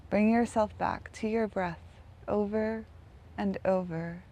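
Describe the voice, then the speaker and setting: Leading a guided meditation, a woman speaks at a medium pitch in a steady tone, gentle and unhurried, with long pauses between her phrases.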